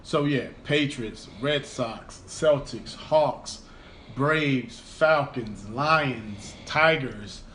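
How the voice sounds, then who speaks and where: Male podcast guest, relaxed upbeat talk, mid-pitched, slight background hiss. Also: drawn-out words. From born in Detroit, family from Alabama. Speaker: comedy promoter, guest. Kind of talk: casual interview.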